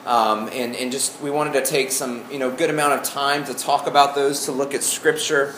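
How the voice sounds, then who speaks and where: A male pastor with a Southern accent from Arkansas teaches in an informal, folksy way. His mid-range voice moves haltingly, doubling back on the openings of phrases. The room rings with echo, and a faint noise sits behind him. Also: medium pitch, level tone, a bit bright. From Arkansas, United States. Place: indoor room before a congregation.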